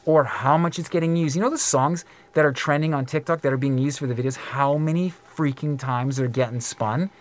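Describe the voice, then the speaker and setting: A middle-aged man hosting a podcast in casual chat, an animated storyteller who fills his talk with "like" and "um" and acts out quoted voices. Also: a little high, fairly quick, hardly any pauses. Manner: frequent fillers like "like" and "um". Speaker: podcast host.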